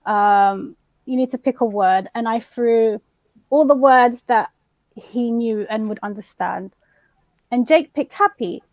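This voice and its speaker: A young woman co-hosting a casual chat, telling anecdotes with lively acted-out dialogue. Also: fairly high pitch, unhurried, no echo. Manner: animated storyteller, acts out quoted dialogue. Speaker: podcast co-host.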